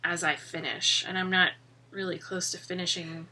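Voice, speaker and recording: A woman's voice: fairly low pitch, little pitch movement, normal speed, sharp tone. A woman co-hosting a casual podcast chat, giving brief, dry replies and teasing quips. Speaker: podcast co-host.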